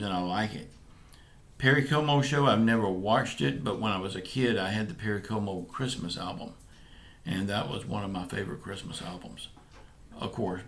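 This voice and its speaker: Slight background noise surrounds a man with a lowish, fairly bright voice and a Southern US accent. As a vlog co-host, he casually responds to viewer questions in an easygoing, somewhat rambling way, halting with fillers.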